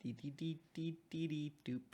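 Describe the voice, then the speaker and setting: A man quietly vocalizing robot-like computer beeps and boops while he looks something up as game master. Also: on the high side, fairly even intonation, normal speed, lightly acted. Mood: absent-minded. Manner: quiet, absent-minded beep-boop vocalizing while looking something up. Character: beeping computer noises, robot-like, male.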